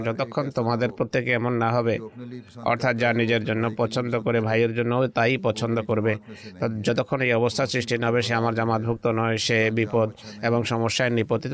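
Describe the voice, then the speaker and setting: A man preaching a sermon in a steady, flat delivery that barely rises or falls. He speaks in measured, exhortative phrases and pauses over his words, with an occasional stumble and restart. His voice sits at an ordinary middle pitch for a man. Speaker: religious speaker.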